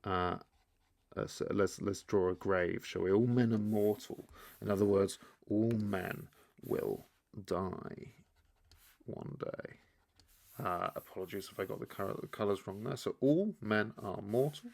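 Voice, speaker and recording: Gravelly low-voiced man teaching. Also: normal speed. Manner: relaxed, thinking aloud, frequent restarts. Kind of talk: explainer lesson while drawing.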